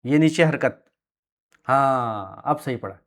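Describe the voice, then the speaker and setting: A man's voice: mid-range voice, lively intonation, slow. A man teaching Quranic Arabic words to a class, patiently correcting pronunciation and confirming answers. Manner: clears throat often, soft short confirmations. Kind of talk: classroom lesson with students.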